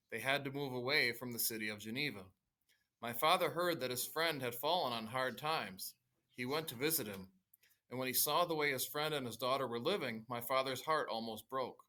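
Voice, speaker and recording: A man reading a novel aloud to students in the voice of a young man recounting his family history, in a raised, louder storytelling voice. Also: medium pitch, natural voice.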